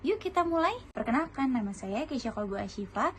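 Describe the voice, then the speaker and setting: A young woman with a slightly high voice opens her class presentation on an upbeat note. Faint noise sits behind her voice. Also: expressive, brisk. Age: young adult. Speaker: university student presenter.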